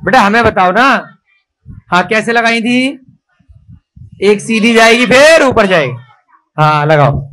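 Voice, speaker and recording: A man teaching children to write a script in a classroom, coaxing and praising them and spelling out each stroke slowly. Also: high voice, lively intonation, pushed and bright, poor audio.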